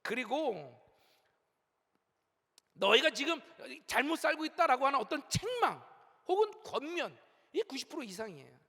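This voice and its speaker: A man's voice: extremely high pitch, big pitch swings, normal speed, pauses often, bright, forceful tone. A middle-aged male pastor preaching a sermon with strong emphasis, rising and falling as he leads the congregation in call-and-response. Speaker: senior pastor. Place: large church sanctuary. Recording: long hall reverb from a church sanctuary.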